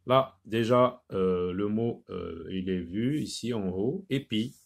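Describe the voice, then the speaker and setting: A man teaching a phonics lesson to children, slowly repeating each word and stressing its syllables. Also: on the low side, gravelly. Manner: slow, deliberate, repeats words syllable by syllable.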